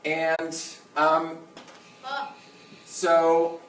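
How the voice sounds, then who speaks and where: A man, a middle school teacher, making an informal, halting announcement to his class and often checking in with an okay. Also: a little high, completely flat delivery, a bit bright. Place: indoor classroom with students. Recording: roomy classroom, distant mic, faint noise.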